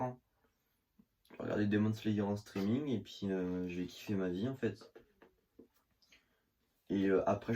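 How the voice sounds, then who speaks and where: Here the same kind of speaker, a young northern French manga vlogger with a local accent, talks loosely about his collection, leaning on slang and filler words. His voice is low-pitched and darkish, captured on a phone camera with a faint hiss.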